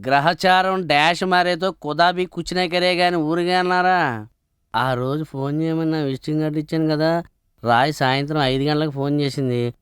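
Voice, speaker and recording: A man's voice: fairly high pitch, steady tone, moderate pace, fairly bright tone, smooth, dry recording, studio quality, natural voice. An actor playing a henpecked office clerk who ruefully tells how he was tricked into marriage. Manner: rueful storytelling. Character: henpecked office clerk telling his sorry tale.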